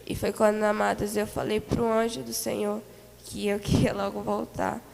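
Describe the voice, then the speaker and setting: A woman's voice: medium pitch, flat delivery, moderate pace, gravelly, a little mellow, in a large hall. A Brazilian woman giving an earnest church testimony, telling her story with many fillers and repetitions. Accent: Brazilian Portuguese. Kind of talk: spoken testimony of a vision. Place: church hall.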